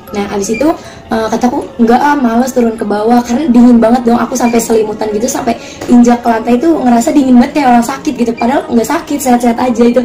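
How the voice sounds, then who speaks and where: Fast-talking teen girl vlogger. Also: on the high side, soft background music. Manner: chatty, animated retelling with quoted voices. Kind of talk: casual storytelling.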